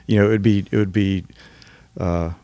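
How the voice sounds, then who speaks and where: A man's voice: sits low, fairly even intonation, normal speed, mellow, dry recording. A man graduating from seminary, answering interview questions in a sincere, emphatic way.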